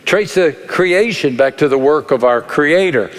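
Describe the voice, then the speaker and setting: A man with a West Texas accent preaching a sermon as a pastor, measured and deliberate, in short phrases with dramatic pauses. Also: a little high, animated. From West Texas, United States. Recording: long echoing reverb of a large hall.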